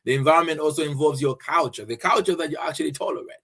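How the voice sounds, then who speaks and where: A Zambian podcast host and preacher speaks quickly in a slightly high, fairly bright voice. His faith-based teaching is earnest, marked by repeated key phrases and frequent restarts padded with fillers.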